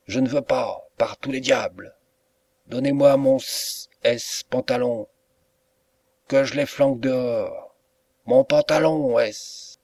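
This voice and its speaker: A man's voice: medium pitch, animated, slow pace, creaky, no echo, voice pushed up, exaggerated voice. A man reading an audiobook, voicing a furious, foul-mouthed male lodging-house keeper who roars and curses. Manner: roaring, cursing, shouting.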